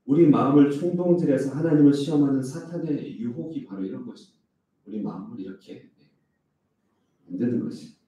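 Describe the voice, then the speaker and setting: Preaching early in the morning, a pastor with a medium-pitched, mellow voice moves briskly and asks his congregation rhetorical questions. Quoted complaints get acted out in a raised voice, captured far from the mic in an echoey hall.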